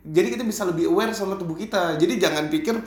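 A man's voice: high voice, rapid-fire. A young man with a Jakarta Indonesian accent, hosting a casual, slangy group chat. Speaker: podcast host. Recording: echoey untreated room.

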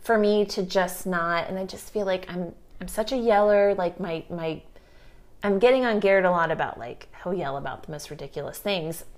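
A woman's voice: on the low side, moderate pace. A woman in her thirties co-hosting a parenting podcast, talking in a rambling, casual way with lots of fillers. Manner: chatty, rambling with many fillers. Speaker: podcast co-host. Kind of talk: casual chat.

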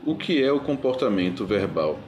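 A man's voice: on the low side, very animated, normal speed, darkish tone, echoey room, faint music behind. A man teaching an online lecture in a patient, reassuring manner and answering students' questions.

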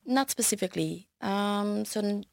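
A woman, a yoga teacher chatting as a podcast guest, friendly and quick to laugh, with many fillers. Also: medium pitch, gravelly, a little mellow, no echo, clean studio sound. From Belgium. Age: 30s. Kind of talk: casual interview chat.

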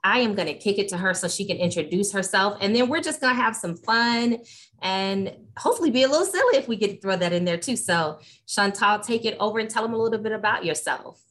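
A woman's voice: mid-range voice, expressive, fast talker, a bit bright. A woman hosting a podcast interview, chatty and upbeat, piling up long lists as she talks. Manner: upbeat, chatty, list-making. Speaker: podcast host.

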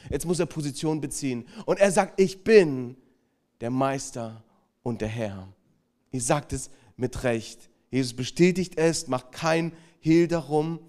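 A man preaching a sermon and retelling a story, emphatic, swinging from loud stresses to hushed passages, with chatty asides to the congregation. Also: on the high side, animated, a little slow. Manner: conversational asides to the audience. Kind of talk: sermon with retold anecdote.

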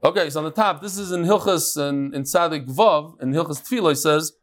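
Man, slightly high voice, informal religious teacher, conversational, mixes with Hebrew-Aramaic terms. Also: fairly quick. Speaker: religious teacher leading a Talmud class. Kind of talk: informal Talmud lesson, reading and explaining.

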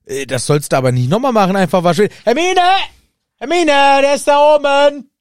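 A man voicing a frantic teenage boy who shouts for his friends in a high, strained voice. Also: expressive, racing, no echo, studio quality, close to an everyday voice. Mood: frantic, shouting.

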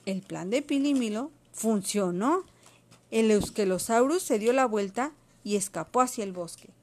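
A woman's voice: fairly high pitch, animated, moderate pace, slight background noise. Woman reading a storybook aloud expressively.

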